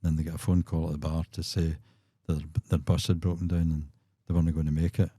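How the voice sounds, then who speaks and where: Brief: Glaswegian musician in his sixties, dark low voice, spins anecdotes and acts out quotes. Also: little pitch movement, fast talker, dry recording, clean studio sound. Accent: Scottish, Glaswegian. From Scotland. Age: 60s. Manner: chuckling raconteur, acts out quotes. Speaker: musician guest. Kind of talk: anecdotal storytelling in a podcast.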